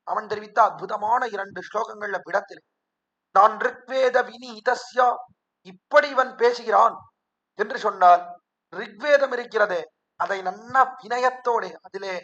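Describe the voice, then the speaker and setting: A man's voice: sits high, normal speed, a bit bright, muffled recording. A man giving a devotional discourse, telling the story and acting out what the characters say. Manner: storytelling, acts out characters' speech. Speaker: religious discourse speaker.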